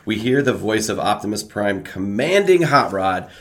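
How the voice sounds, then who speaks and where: A man's voice: on the low side, sing-song, moderate pace. A man hosts a podcast in a casual, upbeat way. A head cold leaves him stuffed up and a bit nasal. He slips into playful announcer flair when recapping scenes. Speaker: podcast host. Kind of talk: casual chat.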